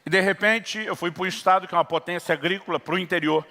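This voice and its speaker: A middle-aged pastor with a Brazilian Portuguese accent tells a story in his sermon and plays the voices in it. His voice is high and bright. The long reverb of a church hall carries behind him. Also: fairly even intonation, rapid-fire. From São Paulo state, Brazil. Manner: acts out dialogue in a story, builds to impassioned preaching.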